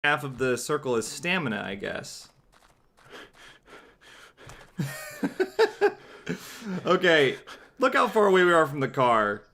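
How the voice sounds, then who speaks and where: A man's voice: on the high side, very animated, unhurried, bright, forceful tone. A man giving sarcastic, joking let's play commentary while playing a game. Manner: sarcastic, dry jokes about the game. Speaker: game streamer.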